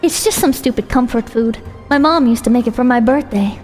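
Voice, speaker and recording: A woman voicing an awkward, self-deprecating man who speaks haltingly in a story reading. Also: a little high, a little mellow, close to an everyday voice. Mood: bashful. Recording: long hall reverb with music.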